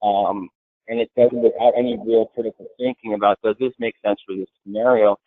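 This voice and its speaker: A man on a webinar panel, explaining grid security in a plain, steady way. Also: lowish voice, brisk, dry recording. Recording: tinny phone-like line, dry.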